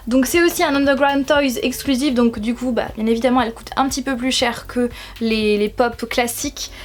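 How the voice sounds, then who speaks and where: A young woman from France chatting to camera at home about her collectible figures, gushing and enthusiastic, with many hesitations and repeated words. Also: high voice. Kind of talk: casual chat to camera.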